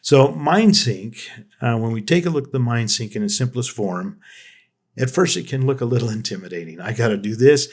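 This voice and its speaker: A podcast host with a medium-pitched voice, lively intonation, and moderate pace talks in casual conversation. He is reflective and rambling, restarting his sentences often.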